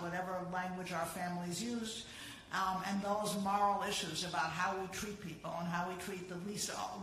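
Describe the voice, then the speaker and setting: A panel speaker who talks earnestly, pausing often as he searches for words. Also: high voice, a bit bright, slight background noise. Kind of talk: panel discussion remarks. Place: panel event hall. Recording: very echoey hall.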